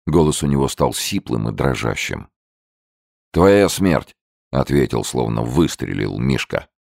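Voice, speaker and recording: A man narrating a crime novel in a measured, expressive storytelling manner. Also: a bass voice, vocal fry, no echo, clean studio sound. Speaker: audiobook narrator.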